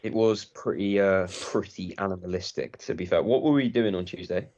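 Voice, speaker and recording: A man's voice: low-pitched, normal speed, a little mellow, dull audio. A young man co-hosting a podcast, teasing and joking in casual banter. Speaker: podcast co-host. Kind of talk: casual chat.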